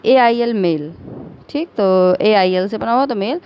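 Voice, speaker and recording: A woman's voice: mid-range voice, lively intonation, unhurried. A woman teacher with an Indian accent giving a recorded lesson, patiently spelling out words letter by letter and mixing Hindi with English. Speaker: school teacher. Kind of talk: recorded online class lesson. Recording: slightly dull lo-fi audio with faint noise.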